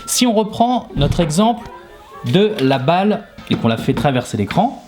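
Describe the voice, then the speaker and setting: A man's voice: a little high, very animated, moderate pace, over loud music. A man hosting an animation lesson, explaining things in a casual, informal way and often adding little tag words. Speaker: animation teacher and video host.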